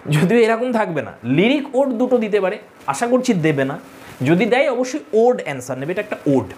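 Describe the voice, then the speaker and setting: A man's voice: high-pitched, sing-song, fairly quick, darkish tone. Man tutoring, repeating key points. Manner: addresses students directly, tells them to take notes. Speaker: literature tutor. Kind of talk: online lecture to exam students.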